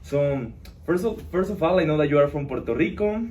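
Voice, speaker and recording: A man's voice: on the high side, expressive, a little fast, darkish tone, a little hiss or hum. Young man hosting an interview. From Mexico. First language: Spanish. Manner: eager, restarts his sentences. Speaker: podcast host. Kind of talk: casual interview. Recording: roomy echo, distant mic.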